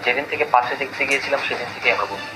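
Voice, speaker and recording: A man's voice: mid-range voice, racing, close to an everyday voice, rough recording. An actor playing a breezy young man, a son and boyfriend, over background music. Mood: defensive. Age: young adult. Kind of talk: comic drama acting.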